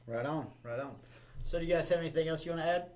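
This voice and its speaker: A man hosting a casual business podcast, relaxed and asking questions with plenty of fillers. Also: a little high, fast. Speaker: podcast host.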